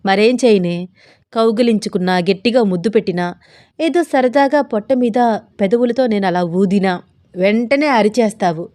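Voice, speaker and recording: A woman's voice: medium pitch, normal speed, a little mellow, lightly acted. Woman reading as a teasing young husband. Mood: mock scolding. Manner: coaxing, teasing.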